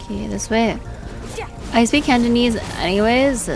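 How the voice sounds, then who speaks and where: A woman's voice: a little high, moderate pace, gravelly. A woman from China chatting casually on a gaming livestream, candid and slangy with some swearing. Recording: music playing behind voice.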